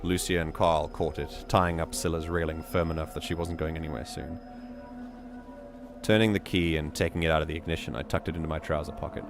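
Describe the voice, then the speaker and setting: Low-voiced guy reading a story on stream, measured, jokey asides, faint music behind. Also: steady tone. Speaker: host reading a community story. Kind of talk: reading aloud with casual asides.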